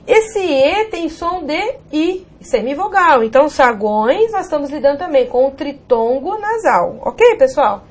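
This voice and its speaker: A woman's voice: high voice, animated, measured pace, few pauses. A woman with a Brazilian Portuguese accent teaching a grammar video lesson for exam prep. She walks through examples one by one and keeps checking in with "ok?" and pointing the viewer to the board.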